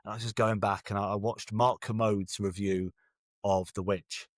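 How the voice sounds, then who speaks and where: Clean studio audio with no room sound captures a British guest author from Birmingham, England, in casual interview conversation. His fairly low voice is flat and moves at normal speed, and his wry remarks come with frequent hesitations and self-corrections.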